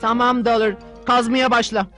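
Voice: mid-range voice, little pitch movement, moderate pace, music in the background, close to an everyday voice. An actor playing a kind, resourceful rich boy in a cartoon dub, speaking earnestly and with assurance. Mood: confident, planning.

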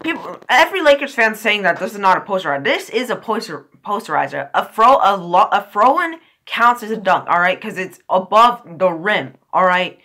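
A woman hosting a casual reaction video, excitable and slangy with plenty of swearing. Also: mid-range voice, normal speed, hardly any pauses. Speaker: reaction channel host.

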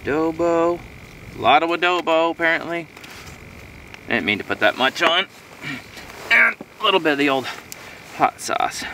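A middle-aged man films a casual solo vlog outdoors on a frozen lakeshore in winter, rambling easily to himself as he eats. His voice is fairly high, expressive, pushed and bright, at a normal speed with frequent pauses. A camera on a tripod a few metres away picks him up from a distance, with slight background noise.

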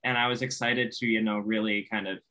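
A man who is a guest in a casual interview, soft-spoken and reflective, with frequent laughs. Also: on the low side, flat delivery, brisk, rough recording. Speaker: guest, singer and YouTuber.

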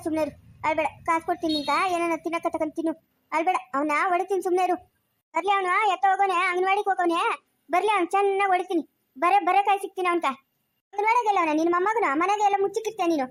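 A woman acting out a sharp-tongued old village grandmother from a comic family skit, fiercely protective and always ready to quarrel. She speaks with a rural Chikkaballapur Kannada accent. The voice is very high and rattles along at a brisk clip. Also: steady tone. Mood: quarrelsome. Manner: quarrelsome, scolding, fast-talking. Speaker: skit actor.

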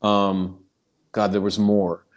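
A man with a fairly low voice talks thoughtfully as a livestream guest. He searches for his words and stumbles through small restarts as he goes. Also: completely flat delivery, slow pace. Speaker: audiobook narrator and actor. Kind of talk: casual livestream chat.

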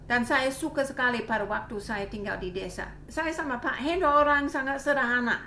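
A middle-aged woman from Australia speaking as a foreigner with an Australian accent, halting as she searches for words in a casual family interview. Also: high voice, pushed and bright. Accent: foreign, Australian-accented Indonesian. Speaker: interviewee, mother of the host. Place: small home room indoors, camera mic a few metres away. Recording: echoey room with background noise.

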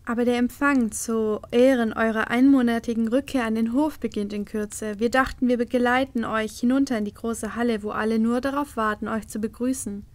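A woman reading a storybook voices a polite young lady-in-waiting who speaks gently and courteously. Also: on the high side, steady tone, a little fast, hardly any pauses, lightly acted.

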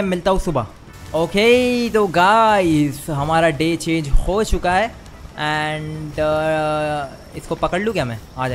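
A young man giving excitable gameplay commentary as a streamer, repeating words rapidly and mixing English into Hindi. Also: high voice. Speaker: gaming streamer.

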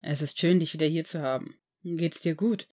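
A woman voicing a calm, gentle adult male potions teacher who speaks in a soft, measured way in a fan-fiction audiobook. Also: low voice. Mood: kind.

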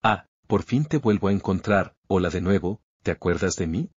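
A man's voice: sits low, lively intonation, normal speed, breathy edge, no room sound. A man voicing an arrogant young bully who sneers and demands revenge. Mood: sneering. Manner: sneering and vengeful. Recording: slightly dull lo-fi recording.

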